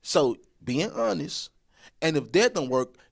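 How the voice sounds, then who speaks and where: In his thirties, this podcast co-host dispenses casual relationship advice, rambling colloquially, often repeating himself and laughing. His voice is a little high, with wide pitch swings, vocal fry, and an unhurried pace.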